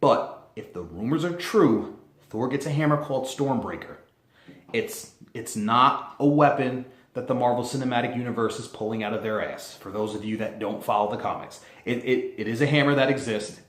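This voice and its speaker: A man vlogging casually, rambling and excitable, with some swearing. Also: mid-range voice, normal speed. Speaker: YouTuber. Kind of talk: casual vlog commentary. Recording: echoey room with faint noise.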